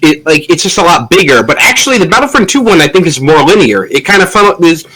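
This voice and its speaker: A young man, a guest in casual gaming chat, talking in an animated, offhand way. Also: a little high, fast, slightly rough, low-quality recording.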